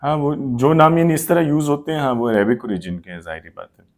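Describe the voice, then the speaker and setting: A man's voice: medium pitch, creaky. A man teaching Arabic grammar in a live online class, patiently explaining with many examples.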